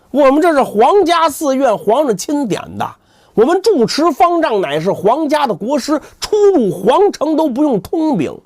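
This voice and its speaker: A man's voice: fairly high pitch, a little mellow, dry recording, clean studio sound. A man voicing a brash, money-minded sweeper monk in a traditional tale, hectoring colloquially with rhetorical questions.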